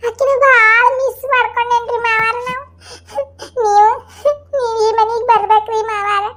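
A woman's voice: very high voice, little pitch movement, moderate pace, voice pushed up. A woman voicing a tearful young daughter-in-law in a cartoon, begging with a North Karnataka accent. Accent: North Karnataka Kannada.

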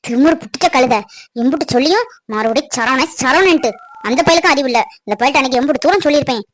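A woman's voice: high voice, expressive, slight background noise. A woman voicing a scolding mother. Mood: angry. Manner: sharp, scolding, fast outbursts. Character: scolding middle-aged village mother. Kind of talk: cartoon family drama voicing.

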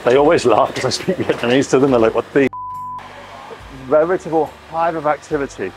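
The fairly quick, mid-range voice belongs to a man in his forties hosting a vlog, enthusiastically walking the camera through a boat under construction and a large boatyard shed with emphatic, repeated phrases. He wears a clip-on lapel mic, and the recording is rough.

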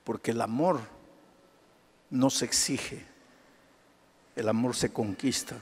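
A man pastor preaching a sermon, firing off rhetorical questions and swinging between hushed asides and loud exclamations. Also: medium pitch, slow pace, breathy edge, long reverb tail.

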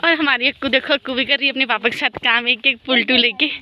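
Holding a phone at arm's length, a woman family vlogger chats casually and speaks straight to her viewers and family. She talks fast in a high-pitched voice with fairly even intonation, and the handheld phone audio is lo-fi with background noise.

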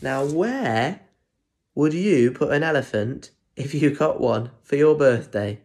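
A British man in his twenties, a primary school story reader, reads a children's story playfully, adding chatty asides and questions for young listeners. His medium-pitched voice is expressive and a little mellow, and he takes his time. He's recorded in a plain room at home on a phone or tablet held at arm's length.

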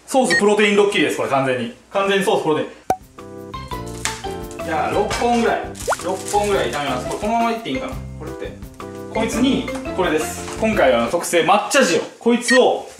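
A man's voice: sits high, sing-song, fast talker. A young man with a Kansai accent, playfully hyping his own dish in casual cooking-challenge banter. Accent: Kansai Japanese. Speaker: YouTuber. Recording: roomy room with background music.

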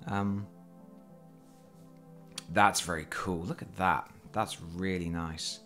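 Bright and forceful, his low voice moves slowly with fairly even intonation while faint music plays behind. The man has a cold and hosts a casual board game unboxing indoors, talking over his hands at a table. His manner is chatty and self-deprecating, dotted with fillers.

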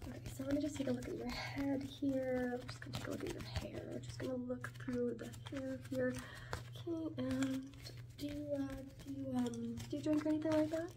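Soft ASMR role-play, woman as airport security officer. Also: high voice, steady tone, brisk, close to an everyday voice. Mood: suspicious, firm. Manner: soft-spoken, procedural, repeating instructions. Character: brisk, suspicious female airport security officer. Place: small room at home, indoors. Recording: distant mic, clear background noise, clicks.

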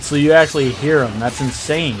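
A young man giving an excited, rowdy live reaction as a streamer, swearing freely in awestruck, drawn-out exclamations, party-animal style. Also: a little high, over music, rough recording. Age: young adult. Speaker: streamer reacting to a game showcase. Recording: clear game noise behind voice. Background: game sound and showcase audio.

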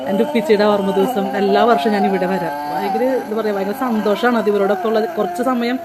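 A woman's voice: mid-range voice, fairly even intonation, quick pace, a loud crowd. A woman with a Thrissur Malayalam accent chatting and coaxing elders in an old age home. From Kerala. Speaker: vlogger. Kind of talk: casual vlog chat.

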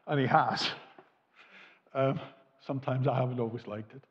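A man, preaching a sermon from a lectern, gesturing widely and swinging from emphatic peaks to quiet asides. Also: medium pitch, steady tone, normal speed. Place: church hall with a lit tree behind a lectern. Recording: muffled, with long hall reverb.

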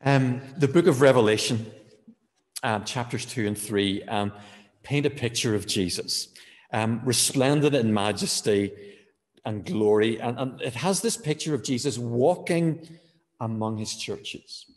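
Man preaching in a reverberant church. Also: mid-range voice. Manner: measured preaching with fillers, slowing to stress key words. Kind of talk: sermon.

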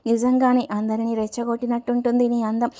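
A woman voicing a caring married sister-in-law who gently gives advice, in a spoken story. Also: a little high, little pitch movement, fast talker, lightly acted.

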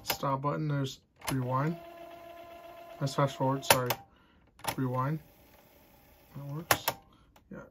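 Speaking slowly with long pauses and little pitch movement, a medium-voiced man casually shows off an item for sale at an indoor table. His chatty sentences trail off and restart. The phone-camera recording carries heavy background noise, including radio and tape music.

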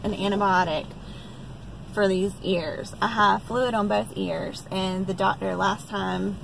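Gravelly woman chatting in a car. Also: medium pitch, steady tone, unhurried. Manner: chatty, rambling, upbeat, many fillers. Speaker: vlogger. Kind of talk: casual chat to camera. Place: inside a car on the road. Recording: loud car road noise.

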